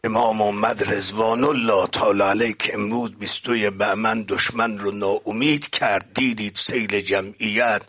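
Husky, forceful male preacher. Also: on the low side. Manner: recites Arabic passages then paraphrases them, often swelling to loud declamation. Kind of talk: impassioned religious sermon.

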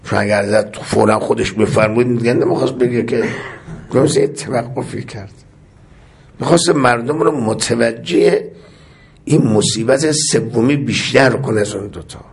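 A man of ordinary, mid-range pitch delivers a religious sermon. He builds intensity through rhythmic repetition and recites prayer phrases between his explanations. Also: creaky. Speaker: preacher.

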